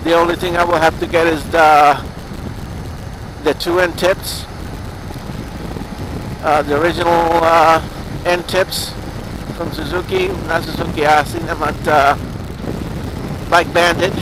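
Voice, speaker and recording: Loud wind and engine noise surround a man talking inside a helmet as he rides. His voice sits fairly high, and he chats casually in the style of a motorcycle vlog. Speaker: motorcycle vlogger. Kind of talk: casual spoken vlog while riding. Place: outdoors on a moving motorcycle. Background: strong wind, motorcycle engine.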